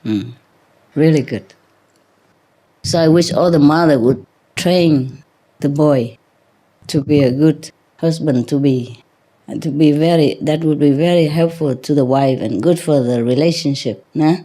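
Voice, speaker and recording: In a rough recording, a spiritual teacher with a deep, mellow voice speaks a little slowly and pauses often. She trades banter with her audience and wanders through stories in a chatty, teasing way, chuckling frequently.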